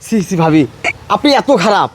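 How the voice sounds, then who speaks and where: A man's voice: high-pitched, moderate pace. A man playing a neighbor who breaks up a family fight and lectures everyone. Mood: scolding. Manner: lecturing, admonishing. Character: neighbor man, scolding peacemaker. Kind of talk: melodramatic family drama acting.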